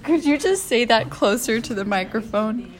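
A woman's voice: fairly high pitch, expressive, normal speed. A woman co-hosting a casual podcast chat at school over lunch, laughing often as she talks. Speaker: co-host. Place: school during lunch break.

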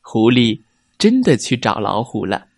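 Slow, gentle male children's storyteller. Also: medium pitch, wildly swooping pitch, dry recording, clean studio sound. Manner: gentle, clear, addressing children.

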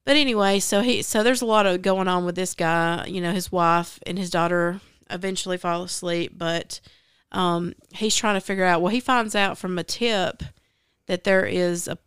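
A woman's voice: fairly low pitch, steady tone, moderate pace, fairly bright tone, clear, resonant tone, dry recording, clean studio sound. A woman with a Southern US accent hosting a casual book chat, retelling a story in a rambling way with many fillers. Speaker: podcast host.

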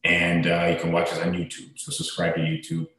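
Low-voiced man in a cave-like echo. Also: completely flat delivery, fairly quick, a bit bright. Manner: blunt, swearing. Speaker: podcast host. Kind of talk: casual opinionated podcast chat. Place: empty room that sounds like a cave. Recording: cave-like echo of an empty room.

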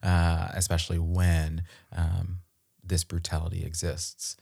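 Low-voiced earnest man talking through an episode. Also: completely flat delivery, unhurried, gravelly, darkish tone, slightly rough. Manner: earnest, reflective, many restarts and fillers. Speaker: podcast co-host. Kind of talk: casual conversational discussion.

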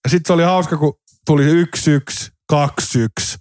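A man chatting casually in a podcast, telling lively fan stories with sudden jumps in pitch, mimicking people and swearing now and then. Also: no room sound, clean studio sound. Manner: animated, swears, mimics others in anecdotes. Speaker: podcast co-host. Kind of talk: casual storytelling chat.

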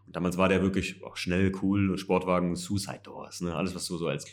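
Fast-talking man, enthusiastic car chat. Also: sits low, flat delivery. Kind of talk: casual chat.

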